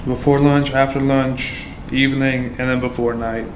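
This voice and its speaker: Flat-voiced man in an echoey room. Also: mid-range voice. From Afghanistan. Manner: halting, with many fillers and restarts. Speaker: patient. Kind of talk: candid personal testimony. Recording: echoey room with background noise.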